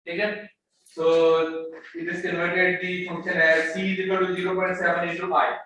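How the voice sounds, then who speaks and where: A man's voice: high voice, completely flat delivery, fairly quick, bright, forceful tone. A man lecturing a class on economics, explaining step by step, often repeating words as he searches for the next one, and mixing English with Hindi-Urdu phrases. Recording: very echoey room, mic far off, faint background noise.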